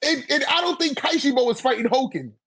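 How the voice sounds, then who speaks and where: This manga-ranking podcast debater has a very high-pitched, slightly bright, animated voice and talks briskly. His casual argument is heavy with slang and profanity, and he repeatedly asks "you know what I'm saying".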